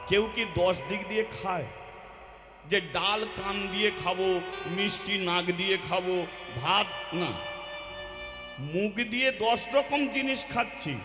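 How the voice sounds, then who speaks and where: Speaking with a Bengali accent and a voice that sits high, this preacher and kirtan singer asks his listeners rhetorical questions, acts out everyday examples in his devotional sermon, then leads them in a call-and-response chant. Loud music fills the roomy live hall.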